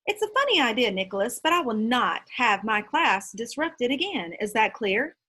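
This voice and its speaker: Strict, shrewd schoolmistress, done by a female reader: clipped, commanding, fairly high, expressive storybook voice. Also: normal speed, husky, full character voice. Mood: stern.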